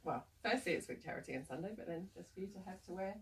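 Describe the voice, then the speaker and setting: A woman's voice: fairly low pitch, lively intonation, very fast. A woman in her thirties, a fashion designer, speaking openly and reflectively to the camera in a personal vlog. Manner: open, reflective talk to camera.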